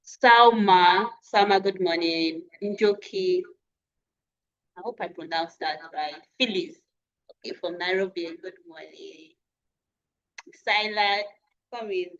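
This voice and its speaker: Low-voiced woman hosting a webinar. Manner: unhurried, reading names aloud and pausing over pronunciations. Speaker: webinar host. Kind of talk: greeting attendees by name before an online session. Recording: dull lo-fi online call audio.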